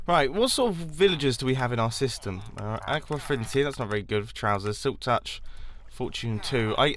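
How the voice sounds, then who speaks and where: A man's voice: mid-range voice, a bit bright, slight background noise. A man giving chatty, enthusiastic gameplay commentary, laughing often and restarting his sentences. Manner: rambling with frequent restarts. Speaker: gaming YouTuber.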